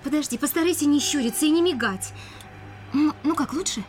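A woman voicing a young girl in a radio play, soft, tender and anxious. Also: high voice, brisk, faint music behind, natural voice. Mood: caring. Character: young girl Gerda, gentle and caring.

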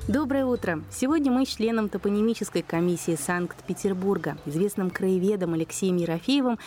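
A woman's voice: mid-range voice, brisk, a little mellow, faint music behind. A woman hosting a morning radio interview, guiding her guest with friendly questions. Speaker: radio host.

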